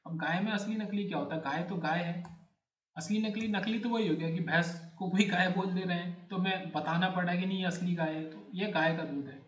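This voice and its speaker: A man with a high voice teaches an exam-prep grammar lesson. He works through each answer step by step and repeats words as he checks them. The sound is roomy, with a clear echo around him. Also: brisk, highs cut off. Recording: echoey room.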